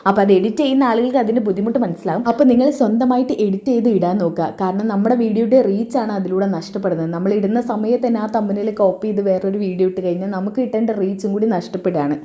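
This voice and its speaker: A woman's voice: medium pitch, rapid-fire, hardly any pauses, dark tone. A woman casually retelling a TV serial episode for her channel in a chatty way. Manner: chatty, adds ttoʼ tags to sentences. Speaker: serial recap vlogger.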